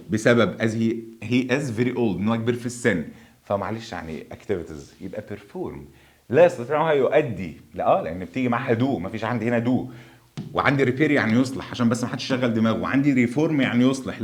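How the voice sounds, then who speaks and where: A man teaching English in Egyptian Arabic, energetically coaxing his students to stay focused as he explains English words in Arabic. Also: lowish voice. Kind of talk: exam review lesson.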